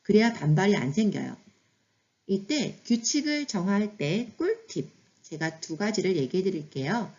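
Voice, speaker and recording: A woman's voice: mid-range voice, big pitch swings, moderate pace, mellow, muffled recording. A woman who is a mother hosting a parenting lesson, explaining situations in a chatty, instructive way before giving set phrases.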